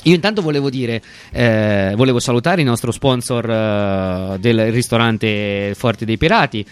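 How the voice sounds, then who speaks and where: Male radio host, medium pitch, informal live show sign-off delivery. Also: measured pace, clear, resonant tone.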